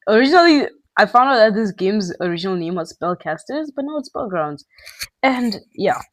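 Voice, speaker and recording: A male gaming channel host giving excitable, slangy live gameplay commentary with quick outbursts. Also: sits high, no echo.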